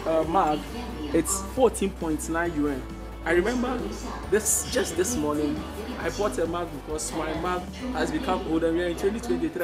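A young man strolls through a big indoor supermarket, talking to viewers in a chatty vlog. He is recorded on a handheld phone as he walks. Loud music plays behind his voice throughout. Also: fairly high pitch. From Ghana. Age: young adult. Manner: chatty, addresses viewers directly, frequent restarts. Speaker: vlogger. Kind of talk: casual vlog walkthrough. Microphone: handheld phone camera, walking.

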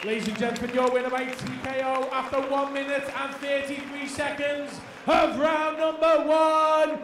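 A man announces live fights in a booming, pumped-up style. His voice is pitched very high and rings around an echoey indoor hall. A noisy crowd sounds around him. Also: flat delivery, normal speed. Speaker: ring announcer. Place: large indoor fight venue. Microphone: handheld.

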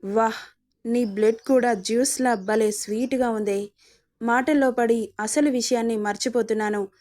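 A woman's voice: on the high side, fairly even intonation, normal speed, darkish tone, lightly acted. A woman reading a storybook, voicing a cruel and mocking young husband with a menacing, taunting manner. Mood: leering.

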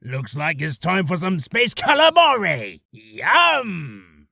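A man's voice: high-pitched, wildly swooping pitch, slow pace, creaky, pushed and bright, breathy edge, dry recording, clean studio sound, full character voice. A man voicing a cocky, aggressive raccoon space soldier who barks brash taunts for a voice reel. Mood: brash, taunting. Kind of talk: character voice reel.

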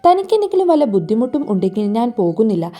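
A woman's voice: on the high side, very animated, fast talker, dark tone. A woman voicing a stern, commanding young husband who gives curt orders in a storybook reading, over faint music.

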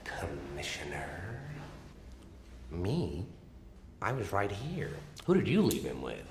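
An actor playing a scarred, unhinged criminal clown in a film, his speech erratic, drawling, and breaking into sudden shouts and whispers. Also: low-pitched, very animated, takes it slowly, noisy background, full character voice. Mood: taunting. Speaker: villain. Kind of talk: film acting. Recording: film dialogue with score behind. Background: film score music.

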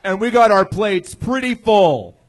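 A man from a live comedy show's band delivers shouted, hammy character bits. His voice sits very high for a man, and he lets the lines roll out slowly. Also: lively intonation, faint music behind.

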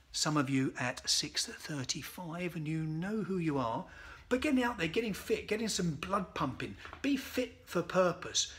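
A man in his fifties, a sales speaker, recording an energetic, punchy motivational message to camera in a sunny conservatory on a phone or webcam. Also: on the high side.

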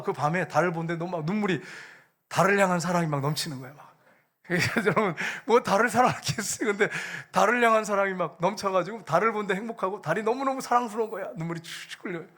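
A man's voice: sits high, fairly bright tone. A male pastor preaching a sermon, telling stories with emotion and rising to fervent exhortation. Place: church sanctuary.

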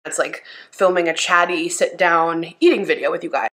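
Woman vlogger, lowish voice, chatty, eating while she talks. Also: normal speed, fairly bright tone, rough recording. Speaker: YouTuber. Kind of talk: casual eating chat video.

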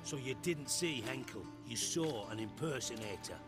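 An actor playing a gruff middle-aged spymaster, brusque, sarcastic and commanding. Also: male voice, medium pitch, lively intonation, moderate pace, over music, lightly acted. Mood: brusque, scornful.

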